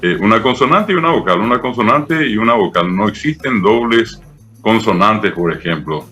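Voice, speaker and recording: Un hombre de mediana edad con acento paraguayo, profesor invitado que explica con paciencia y muchos "eh" y "¿verdad?". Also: male voice, on the low side, animated, normal speed, bright, forceful tone, faint music behind. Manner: patient, didactic, many fillers "eh" and "¿verdad?". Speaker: Guaraní language professor, guest. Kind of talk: explanatory interview talk.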